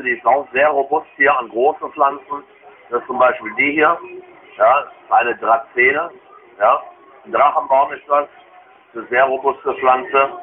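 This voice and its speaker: A man selling plants at a market in casual, chatty, folksy sales patter, often ending with tag questions. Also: mid-range voice. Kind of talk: casual sales talk to a customer. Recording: noisy, tinny phone-like sound.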